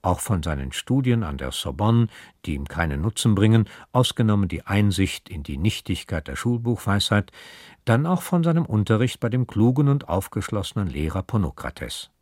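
Husky, low-voiced radio presenter. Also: male voice, sing-song, moderate pace, a little mellow, no echo, clean studio sound. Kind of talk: scripted introduction.

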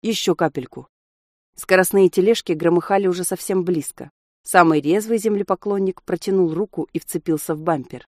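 A woman reading a novel aloud as audiobook narrator, steady and even. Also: lowish voice, fairly quick, no echo, clean studio sound. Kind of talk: scripted narration.

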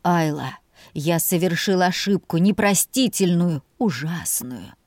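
A woman's voice: lowish voice, expressive, a little slow, darkish tone, no room sound, clean studio sound. A woman voicing a remorseful older man who pleads through tears, his voice shaking. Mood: anguished. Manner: trembling voice.

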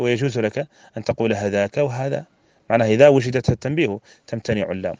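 A man's voice: medium pitch, darkish tone, dry recording, dull audio. A man from Mauritania, a scholar lecturing on grammar and repeating key phrases for emphasis. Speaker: Islamic scholar teaching grammar. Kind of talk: classroom lecture explaining a verse text.

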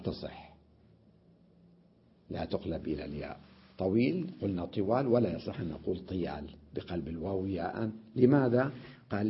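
A man's voice: lowish voice, slightly rough, lo-fi sound. A man teaching an Arabic grammar lesson, explaining step by step, repeating words and checking with his students.

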